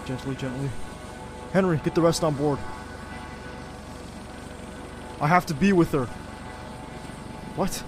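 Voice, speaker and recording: In an audio roleplay drama, a man with a slightly high, natural voice plays a young secret agent who leads his team and is a devoted boyfriend. Speaking at normal speed over background music, he sounds distraught and pleading while issuing clipped military radio commands.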